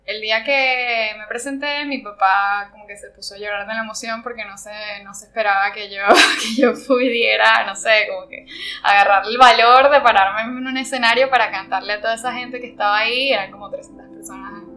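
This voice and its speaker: A Venezuelan woman from Margarita Island answers questions reflectively as an interview guest, often searching for words. Her voice is fairly high and sharp, with fairly even intonation and a fairly quick pace.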